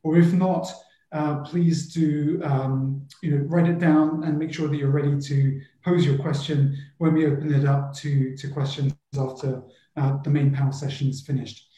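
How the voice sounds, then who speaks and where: A man moderating an online panel, talking in a halting way with frequent ums and uhs. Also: fairly high pitch, level tone, dark tone, roomy sound, low-quality recording.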